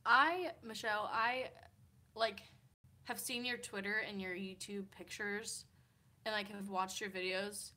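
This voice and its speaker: Speaking from a hotel room, this Kansas woman in her early twenties reads viewer comments during a relaxed livestream. She sounds worn out yet chatty, rambling, filling her speech with "like" and laughing often. Her voice sits at medium pitch, steady and unhurried, with a pushed, bright quality.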